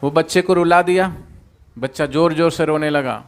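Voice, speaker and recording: A man telling a moral story to students in a sermon, animated, often quizzing the listeners and coaxing them to join in. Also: on the high side, moderate pace, smooth.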